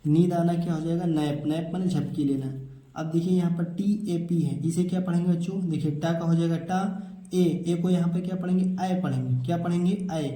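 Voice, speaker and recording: A man's voice: fairly high pitch, fairly even intonation, fairly quick, warm tone. A man teaching English spelling to children, asking a question and then answering it himself. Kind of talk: classroom-style explanation to children. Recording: echoey room.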